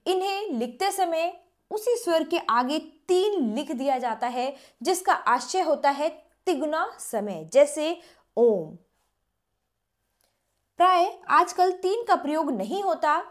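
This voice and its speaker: A woman teacher giving a grammar lesson, reading definitions and then explaining them informally, slowing down to spell out letters and examples. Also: high-pitched.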